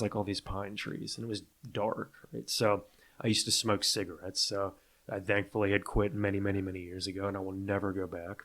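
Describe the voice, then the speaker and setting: A man's voice: lowish voice, fairly bright tone. A man in his thirties co-hosting a casual podcast, telling rambling stories with frequent laughs. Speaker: podcast co-host.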